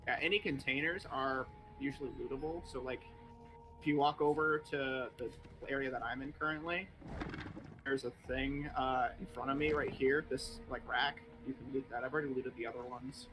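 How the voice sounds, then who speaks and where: On poor audio with background music, a streamer host talks a friend through a game at normal speed. He has a medium-pitched voice and a relaxed, rambling style full of fillers.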